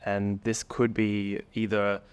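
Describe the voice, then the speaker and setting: A man's voice: on the low side, completely flat delivery, takes it slowly, smooth. A man co-hosting a podcast, chatting casually in an enthusiastic and emphatic way. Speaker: podcast co-host. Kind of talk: casual chat.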